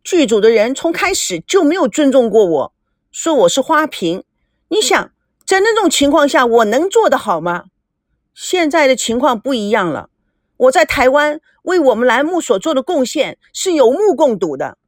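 A woman's voice: normal speed, no room sound, studio quality. A woman voicing an indignant young woman arguing back at her father. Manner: protesting, high and animated.

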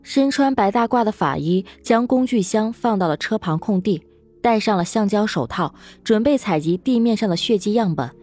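A woman narrating a serialized novel in an expressive storytelling manner. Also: medium pitch, normal speed, faint music behind. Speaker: audiobook narrator.

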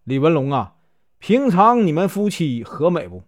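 A man's voice: a little high, very animated, moderate pace, no echo, studio quality. A male storyteller voicing a stern county magistrate who scolds and questions from the bench.

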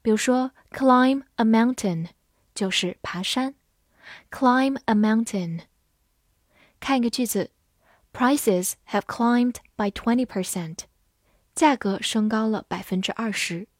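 A woman teaching English vocabulary in Chinese. She spells each word letter by letter and reads the example sentences slowly and carefully. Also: on the high side, no room sound, clean studio sound.

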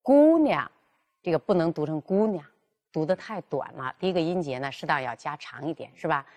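A woman teaching a pronunciation class, explaining and demonstrating tones in a clear, measured way. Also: low-pitched, a little mellow. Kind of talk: classroom lesson.

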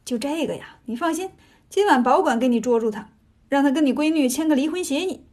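A woman's voice: high-pitched, expressive, fairly quick, darkish tone. Sun Wukong, a woman doing a cocky monkey hero. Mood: confident. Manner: cocky, teasing. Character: cheeky male monkey hero, brash trickster.

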